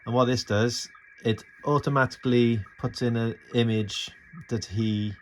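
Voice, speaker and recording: A middle-aged man presents an amateur radio tutorial, narrating each step casually and enthusiastically as he works, unscripted. His medium-pitched voice is steady and unhurried. It's a noisy amateur video captured on a phone camera mic.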